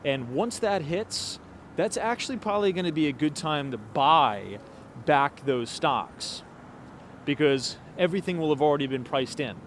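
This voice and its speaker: A late-twenties male vlogger does a casual walk-and-talk livestream on cold city streets at night, his voice slightly high, expressive and at normal speed. Chatty and full of fillers, he thinks aloud and makes asides to viewers as street noise mixes in.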